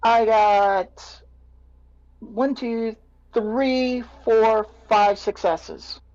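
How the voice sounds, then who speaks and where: A player in a tabletop role-playing game speaks slowly over a dull, muffled mic. They count out dice results and describe what their character does. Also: mid-range voice, steady tone, a little mellow.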